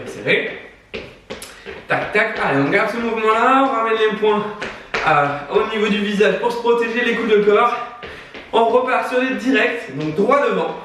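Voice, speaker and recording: A man leads a home workout class, calling out moves and counts in brisk instructions while out of breath. His voice sits high, and he is recorded from a distance in a very echoey room with faint noise underneath. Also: a bit bright. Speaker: fitness coach. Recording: echoey room, far from the mic.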